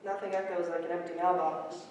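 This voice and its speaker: A woman's voice: fairly low pitch, flat delivery, a little fast, darkish tone, a little hiss or hum, close to an everyday voice. A woman playing an anxious, hapless young boy in a stage musical, talking and singing nervously. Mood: dejected. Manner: nervous, self-doubting, sings between lines. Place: theater stage. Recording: echoey hall from far off, music.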